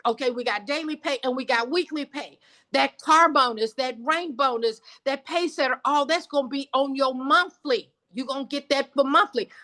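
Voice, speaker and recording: A woman's voice: high voice, bright, forceful tone. A woman in her seventies leading an online sales meeting with an emphatic, repetitive, preacher-like cadence. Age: 70s. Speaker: business team leader. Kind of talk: motivational sales call.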